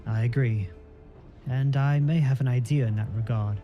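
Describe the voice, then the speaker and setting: A man reading the lines of an earnest young scholar from a game, in a calm, even manner. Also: medium pitch, normal speed, dull audio, soft background music, natural voice. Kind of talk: reading game dialogue aloud.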